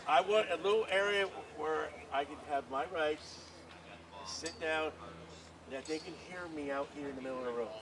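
Heard from afar through the noise of a busy street crowd, a street preacher chats with police officers at a market. Earnest and insistent, he talks over others in a voice on the high side at normal speed.

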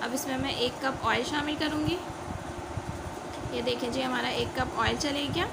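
The voice sits high and a bit gravelly, steady and at normal speed, belonging to a Pakistani woman who hosts a home cooking channel. Chatty and homely, she guides viewers through each recipe step in her kitchen, constantly saying "see." It's captured on a noisy home phone recording, with a phone or camera filming the countertop from above.

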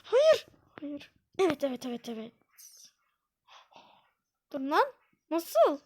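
A woman giving casual let's-play commentary on a quiz game, excitable, repeating words over and over and whining when she loses. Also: high voice, takes it slowly. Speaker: gaming channel host.

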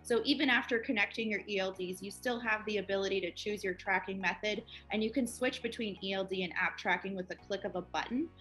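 A woman's voice: medium pitch, fast talker, hardly any pauses, fairly bright tone, soft background music. A woman in her twenties, a guest on a company interview, explaining eagerly over a video call. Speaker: project manager guest.

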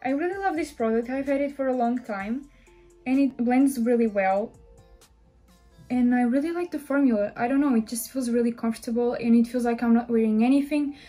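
Speaking English with a Portuguese accent, this twentysomething vlogger from Portugal chats her way through a makeup tutorial, step by step, from a small bedroom. She sounds friendly and talkative, with a fairly high, mellow voice and a brisk pace, and faint music plays in the background.

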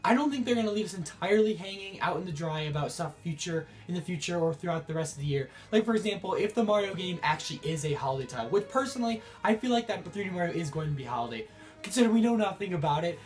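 A young man vlogging about video games, sick with a cough and a rough voice, talking in an excitable, rambling way. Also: high-pitched, quick pace, soft background music. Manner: excitable, rambling, many restarts. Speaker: gaming YouTuber. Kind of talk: excited casual vlog to camera.

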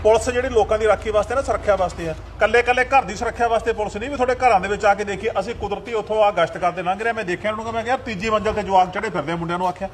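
A man with a Punjabi accent playing a police officer in a scripted drama, firm but calming as he lectures. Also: high voice, racing, hardly any pauses, a little hiss or hum. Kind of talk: scripted social drama acting.

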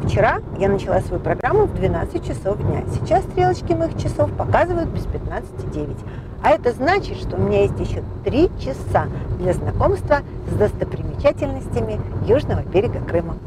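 A woman presenting a travel promotion in an upbeat, expressive way. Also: medium pitch, a little fast, very noisy. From Crimea. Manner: bubbly, expressive. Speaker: tour presenter. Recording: music playing behind.

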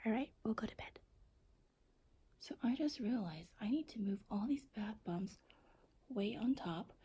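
A woman talking in a hushed whisper through a casual late-night vlog at home, keeping quiet so she won't wake anyone. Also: fairly low pitch, a little hiss or hum. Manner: talks in a soft hushed whisper to keep quiet. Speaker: vlogger showing her collection. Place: home at night, boyfriend asleep.

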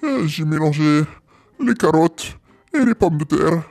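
A man's voice: fairly high pitch, expressive, measured pace, gravelly, a little mellow, dry recording. A man voicing a gloomy, sad male client with mock-Italian exclamations in a comedic game role-play. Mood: mournful.

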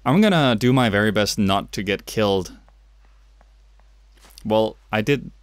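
This young Danish man's voice is fairly low, smooth, and animated, and he takes his time. With a Danish accent, the gaming YouTuber talks through a game in let's play style, joking and poking fun at himself from his home setup indoors. No room sound comes through.

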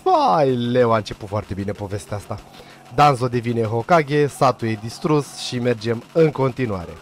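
A man's voice: mid-range voice, lively intonation. Slangy joking male anime recapper. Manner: slangy, joking, puts on quick voices for characters. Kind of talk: casual comedic recap narration.

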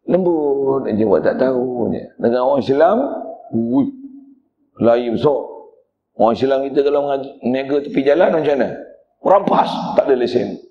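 A man's voice: mid-range voice, a little mellow, echoey room, highs cut off. A male religious teacher, giving a mosque lecture in a blunt, teasing way and speaking straight to the congregation.

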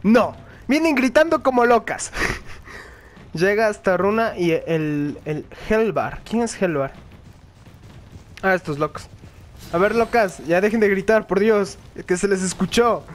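A young man giving excited, joking commentary while he plays a video game, often yelling and laughing. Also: high voice, measured pace, pauses often, a little hiss or hum. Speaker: gaming video host. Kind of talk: live gaming commentary.

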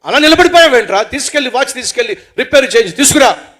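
A male preacher acting out a furious young man who shouts and scolds a friend over a ruined watch. His voice is raised and sharp, and he hammers out his demands. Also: high voice, lively intonation, a little fast.

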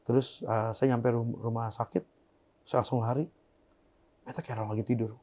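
A young man as an interview guest, telling a painful personal story in a soft, subdued way that often trails off quietly. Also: medium pitch, flat delivery, normal speed.

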